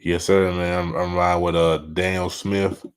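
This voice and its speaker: A man's voice: low-pitched, little pitch movement, normal speed, smooth. A man, co-hosting casual sports talk in a laid-back, friendly way. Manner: laid-back, calls partner brother. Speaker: co-host.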